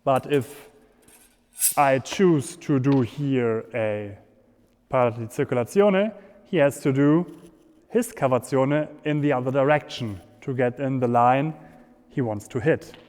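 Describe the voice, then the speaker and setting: Slow-paced German-accented man in an echoing hall. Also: medium pitch, a little mellow. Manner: halting non-native phrasing. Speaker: fencing instructor. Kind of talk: instructional demonstration, explaining step by step. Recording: echoey hall with long reverb.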